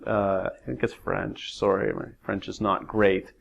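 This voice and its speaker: Slow-talking man teaching English. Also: deep voice, little pitch movement, gravelly, dull audio, slight background noise. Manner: rambling, hesitant with frequent fillers; reads verse slowly with exaggerated rises and falls. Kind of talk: casual whiteboard lesson.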